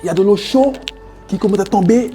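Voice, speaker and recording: A man from French Guiana tells his story with a French Guianese accent. His voice sits high but mellow. He talks in street slang, making sound effects and calling the listener brother, while faint music plays behind. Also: brisk. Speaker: interviewee. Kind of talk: animated personal storytelling.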